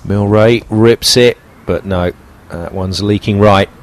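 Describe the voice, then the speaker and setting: A man's voice: lowish voice, fairly even intonation, takes it slowly. A man presenting and commentating on televised golf in punchy broadcast phrasing. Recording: loud music under the voice. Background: music.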